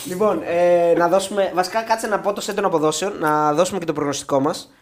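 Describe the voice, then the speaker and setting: A man co-hosting a casual football betting podcast, reading odds to listeners and explaining his point patiently. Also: sits high. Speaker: podcast co-host.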